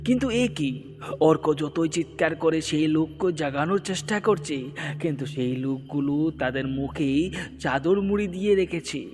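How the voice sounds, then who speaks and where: A man narrating a horror story in a slow, dramatic storytelling manner. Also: fairly high pitch, darkish tone. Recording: long reverb with background music.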